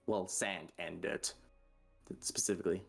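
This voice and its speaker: A man's voice: low-pitched, fairly even intonation, measured pace, creaky, a bit bright, faint music behind. A man playing a tabletop role-playing game, talking in a loose, rambling way full of fillers and restarts. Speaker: player. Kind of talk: tabletop role-play, casual in-character chat.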